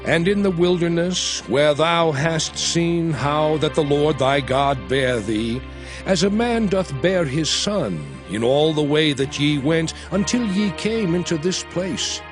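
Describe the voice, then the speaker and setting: In this dramatized reading of scripture, a male performer with a fairly high pitch plays Moses, an elderly and grave prophet who led his people. He recounts events slowly, solemnly, and dramatically, his studio-recorded voice set over music.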